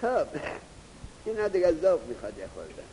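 A man teaching grammar in a classroom lecture, reading Arabic text slowly, then explaining it in Persian and putting questions to his students. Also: fairly high pitch, wildly swooping pitch, warm tone, in a large hall, a little hiss or hum, rough recording.

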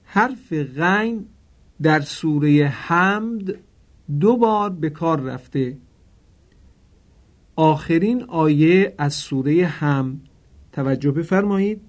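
A man's voice: fairly high pitch, a little mellow, dull audio. Formal man teaching Arabic pronunciation. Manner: formal and polite, drawing out Arabic example words slowly for repetition. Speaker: Quran recitation teacher. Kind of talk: pronunciation lesson.

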